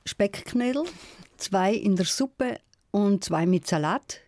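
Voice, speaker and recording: In a radio interview, a middle-aged folklorist with a South Tyrolean accent tells stories in a thoughtful, measured way, her warm, mellow, mid-range voice full of lively intonation. She's recorded close and dry in a studio with no room sound.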